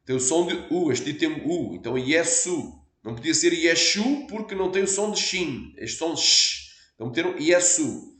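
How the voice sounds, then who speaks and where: A man's voice: a little high, expressive, moderate pace, a bit bright, echoey room. A man with a European Portuguese accent, a pastor explaining a point patiently in a teaching sermon and asking his listeners for assent.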